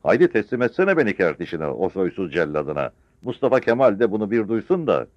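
A man's voice: on the low side, sing-song, a little fast, no echo, dull audio, voice pushed up. A man playing a defiant old war veteran. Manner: scolding, boastful, loud.

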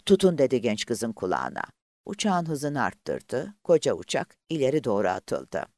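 A man's voice: medium pitch, huge pitch swings, unhurried, a little mellow, no room sound, studio quality. A man narrating an audiobook expressively and voicing the characters himself.

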